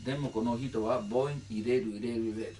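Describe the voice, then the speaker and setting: A man's voice: mid-range voice, fairly even intonation, fairly quick, mellow, far from the mic, a little hiss or hum. A man with an Italian accent, a native Italian speaker, explains song lyrics as a language teacher, in simple broken phrases and with sung examples.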